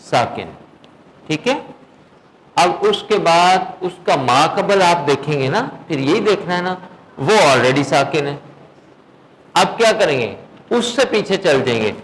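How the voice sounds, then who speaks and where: A man's voice: a little high, poor audio. Patient man teaching Quran recitation. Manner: patient, checks understanding with frequent questions; drawn-out demonstration of recited words. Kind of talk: classroom lesson on tajweed.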